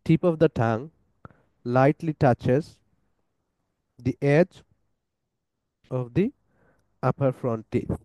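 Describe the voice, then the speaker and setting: A man's voice: medium pitch, extremely slow, long pauses, warm tone, no room sound, highs cut off. A man teaching a pronunciation lesson, saying each letter sound over and over for listeners to repeat, with English phrases mixed in. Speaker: tajweed teacher.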